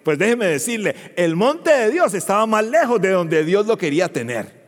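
Pastor, male, high-pitched voice, dramatic sermon delivery, church reverb. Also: very animated, normal speed. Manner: swings from hushed to shouted, dramatic storytelling.

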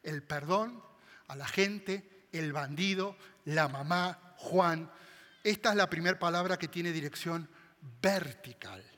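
A man delivers a sermon in a high, bright voice. He swings dramatically between loud emphatic bursts and hushed, quiet passages. A long reverb from a large hall trails his words. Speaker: preacher.

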